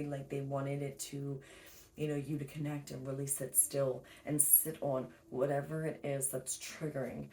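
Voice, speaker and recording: A woman with a low voice talks through a tarot reading in a loose, rambling way, stopping and restarting her thoughts. Her voice bounces around an echoey room. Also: dark tone. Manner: rambling, filler-heavy, self-correcting. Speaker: tarot reader. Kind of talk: casual spiritual reading monologue.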